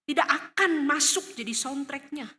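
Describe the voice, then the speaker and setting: Dramatic woman preacher, bright ringing voice. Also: high voice, moderate pace. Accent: Indonesian. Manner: dramatic, acts out scenes with sudden loud cries. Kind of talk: sermon. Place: church hall. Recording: long hall reverb.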